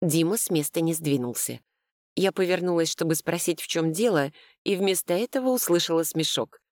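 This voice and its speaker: A woman narrating a first-person romantic comedy audiobook with a lively, expressive reading. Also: on the low side, moderate pace, no room sound.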